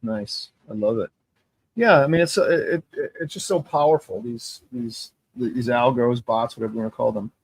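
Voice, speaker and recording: A man's voice: mid-range voice, normal speed, no room sound. A man hosting a casual chat, enthusiastic and affirming, often repeating his praise. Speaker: host.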